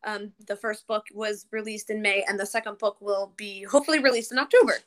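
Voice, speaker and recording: A woman in her early thirties from New Jersey, United States, chats casually as a podcast guest in a rambling, informal interview style, saying "like" a lot. Her voice sits at medium pitch with fairly even intonation, and she talks a little fast.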